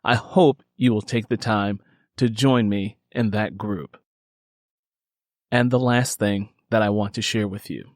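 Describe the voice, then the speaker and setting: A man with a medium-pitched voice, recorded in studio quality with no room sound, speaks earnestly and directly to his listeners. He is an author and the creator and narrator of an audio drama podcast, which he hosts.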